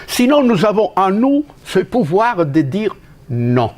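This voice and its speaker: A man from Italy with an Italian accent, preaching a sermon in an emphatic way, with sudden leaps and drops in pitch and halting restarts. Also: big pitch swings, a little mellow.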